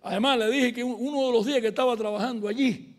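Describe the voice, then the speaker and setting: A man's voice: extremely high pitch, fast. An older man giving a conference lecture, telling anecdotes and acting out the dialogue. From Cuba. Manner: storytelling, animated, acts out dialogue. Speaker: university lecturer giving a keynote.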